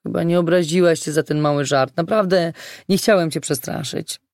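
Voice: mid-range voice, moderate pace, darkish tone, dry recording, studio quality, lightly acted. An audiobook reader voicing a pushy young man who keeps coaxing and insisting.

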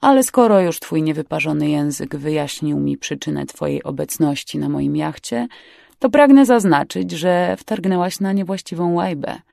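A cold male yacht boss who gives orders in a calm, threatening tone and swears between them, read by a woman. The voice is gravelly and dry. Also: sits low, moderate pace, no room sound, heavily acted. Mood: menacing.

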